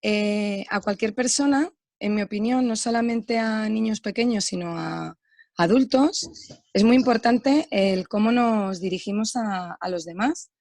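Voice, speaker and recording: A woman who teaches gives an earnest, measured comment in an online workshop. Her voice sits at an everyday middle pitch. The recording is dry, with no room sound. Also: a little mellow, no echo.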